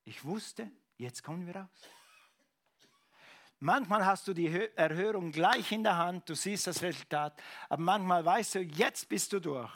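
Middle-aged pastor preaching, emphatic, repeats phrases, fairly high voice. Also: male voice, unhurried. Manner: emphatic, repeats phrases, swings from loud to hushed. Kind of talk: sermon.

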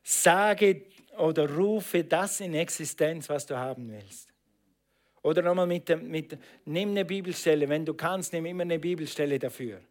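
A man's voice: fairly high pitch, moderate pace. A man preaching a sermon, stressing and repeating phrases and calling on the congregation to answer back. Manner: emphatic, repeats phrases, calls on congregation to respond.

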